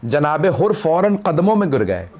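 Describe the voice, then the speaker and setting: A man's voice: a little high, sing-song, moderate pace, a little mellow. A male preacher giving a majlis sermon, narrating a story with impassioned, dramatic delivery.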